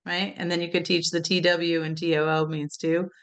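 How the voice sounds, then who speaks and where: A woman's voice: on the low side, level tone, brisk, fairly bright tone, smooth. A woman presenting an educational webinar, talking conversationally with many "right?" and "you know" asides. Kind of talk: informal teaching talk.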